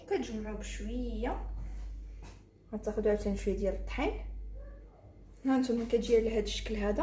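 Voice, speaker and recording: Brisk Moroccan woman teaching cooking. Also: a little high, mellow, reverberant, a little hiss or hum. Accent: Moroccan Arabic. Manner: talks viewers through each fold while working. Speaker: cooking channel host. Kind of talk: step-by-step cooking tutorial.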